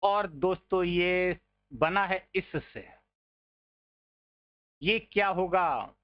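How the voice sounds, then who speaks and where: A man's voice: sits high, drawn-out words, dull audio. A man teaching an online grammar lesson, patiently repeating words to drill their pronunciation and calling his listeners friends.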